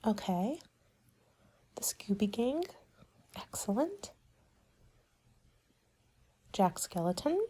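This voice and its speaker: A woman voices a helpful party planner for an ASMR roleplay, soft-spoken, gentle and measured, with frequent whispering. She has a husky, mid-range voice and delivers it in a very animated way.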